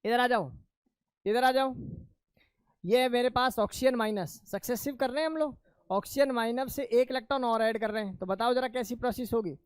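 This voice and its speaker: A man's voice: extremely high pitch, a little fast, clear, resonant tone, dry recording. A male chemistry teacher lecturing in a classroom. He keeps asking his students questions, answers them himself, and calls them "beta".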